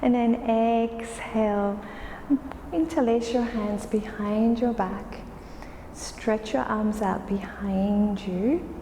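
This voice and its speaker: Female yoga teacher, calm and soothing, slow delivery, recorded in a reverberant room. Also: medium pitch. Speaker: yoga instructor. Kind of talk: guided yoga class instruction. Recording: roomy, reverberant space with faint noise.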